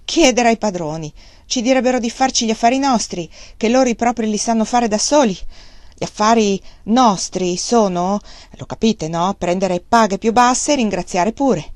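A woman's voice: on the high side, moderate pace, a little mellow, no room sound, studio quality, lightly acted. A woman reading the part of a blunt, angry middle-aged male mill worker, defiant and scornful.

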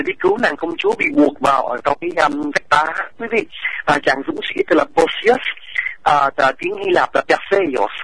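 A man presenting an educational radio talk, explaining at length, addressing listeners formally, and pausing often to hesitate. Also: a little high, sharp tone, breathy edge, no room sound, rough recording.

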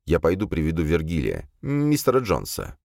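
Male reader playing a courteous ghost in a storybook, low, gentle and unhurried, a touch hushed. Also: gravelly, no room sound, clean studio sound, heavily acted. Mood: gentle, patient. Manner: calm, courteous, soft-spoken. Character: tall pale ghost, polite and patient man.

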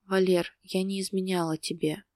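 Woman voicing Lena, a fragile hushed young woman. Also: medium pitch, level tone, moderate pace, no echo, studio quality, lightly acted. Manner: quiet, hushed, whispering.

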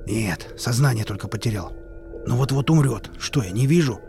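A man voicing a rash young male stalker who shouts urgently. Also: medium pitch, animated, normal speed, gravelly, soft background music. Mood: agitated.

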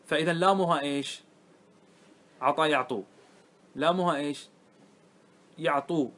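A man teaching a grammar class to students, often asking them whether it is clear and repeating key words. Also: on the high side, normal speed, a bit bright. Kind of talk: classroom lesson.

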